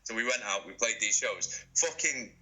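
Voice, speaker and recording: A man in a band being interviewed, talking casually, excitable and sweary, laughing often. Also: mid-range voice, normal speed, low-quality recording.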